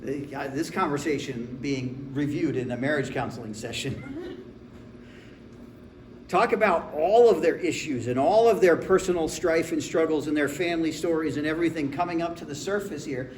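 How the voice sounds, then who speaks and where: A pastor in his forties delivers a sermon in a church sanctuary, telling stories in a conversational, humorous way. His voice is on the high side and moderately paced. The echoey room carries faint ambience and a noisy background.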